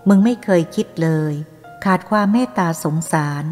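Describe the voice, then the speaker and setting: A snarling male spirit bent on revenge, as a woman narrator puts him on. The voice is low, gruff and threatening. A long reverb trails each word, with faint music underneath. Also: fairly even intonation, measured pace, a little mellow, natural voice. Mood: vengeful snarl. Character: vengeful male spirit of a maimed servant, snarling.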